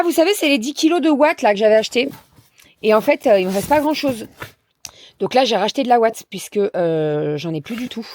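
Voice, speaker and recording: A woman vlogger chatting casually about her day at home, slangy and full of filler pauses. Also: medium pitch, creaky, darkish tone. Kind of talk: casual daily vlog chat.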